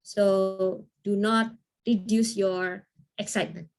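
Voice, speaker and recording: A woman leading an online training session and answering questions in a lively, encouraging way. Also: medium pitch, slow. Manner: lively, encouraging, asks listeners to confirm.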